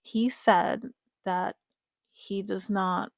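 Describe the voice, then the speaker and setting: A woman's voice: medium pitch, steady tone, very slow, vocal fry, no echo. A woman giving casual, emphatic commentary to her viewers, repeating her points and speaking to them directly. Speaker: reality-show commentator.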